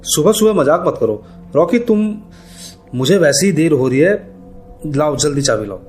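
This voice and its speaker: A man voicing a hurried, irritable young office worker who talks in quick, agitated bursts. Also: a little high, animated, soft background music, voice pushed up, lightly acted. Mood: irritated.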